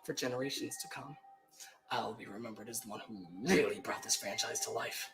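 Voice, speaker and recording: A man's voice: mid-range voice, brisk, close to an everyday voice. A young man playing a gloating, unhinged, fame-obsessed teenage killer in a horror fan film, theatrical and taunting. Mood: gloating, triumphant. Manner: taunting, theatrical, foul-mouthed. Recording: roomy film sound under loud music.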